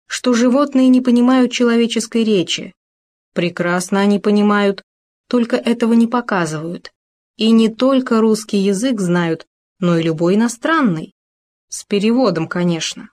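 A woman's voice: mid-range voice, darkish tone. A woman narrating a children's animal story in a wry, playful way.

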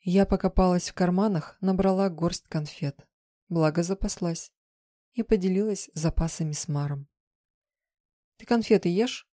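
Low-voiced woman narrating a story. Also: moderate pace, dark tone, no echo, studio quality. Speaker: audiobook narrator. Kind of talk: first-person fiction narration.

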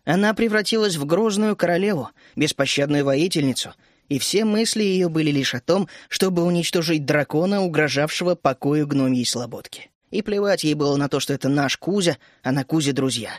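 Male audiobook narrator, high-pitched, steady first-person storytelling, dead-dry booth. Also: fairly quick, dry recording.

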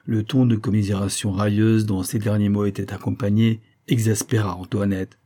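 Low, husky male audiobook narrator. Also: level tone, moderate pace, warm tone.

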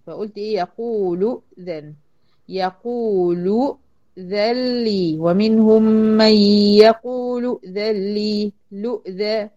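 Brisk Egyptian woman teaching Quran recitation. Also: mid-range voice, darkish tone. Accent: Egyptian Arabic. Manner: explains step by step, asking and answering her own questions; slows right down to sound out words. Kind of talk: online tajweed lesson. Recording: dull lo-fi audio.

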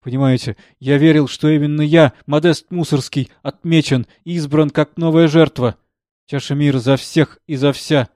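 A man's voice: fairly high pitch, fairly even intonation, moderate pace, dry recording, clean studio sound, close to an everyday voice. A man voicing a drunk, broken older composer in an audiobook, his delivery anguished and desperate. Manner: anguished confession rising to frantic shouting. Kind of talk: audiobook character reading.

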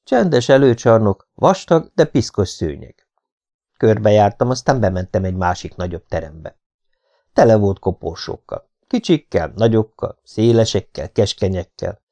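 Wry male audiobook reader; low gravelly voice with a lively pitch. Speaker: audiobook narrator. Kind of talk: first-person audiobook narration.

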